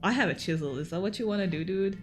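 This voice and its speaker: A woman's voice: medium pitch, fast talker, soft background music. A woman giving casual, sweary game commentary as a streamer, rambling and giggly.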